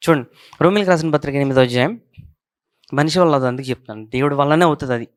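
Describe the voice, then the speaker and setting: A man with a fairly high voice preaches in an easy, conversational way. He circles back to his main points and keeps checking that the congregation is following. The sound is dry and close, with almost no room echo. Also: rapid-fire. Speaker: pastor. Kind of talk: conversational sermon.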